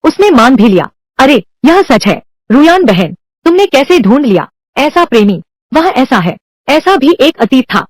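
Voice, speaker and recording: A woman's voice: sits high, very animated, unhurried, dry recording. A woman alone voicing every character of a dubbed drama, men and women alike, in one unchanged reading voice. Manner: reads all male and female parts in one unchanged voice. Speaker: voice-over dubber.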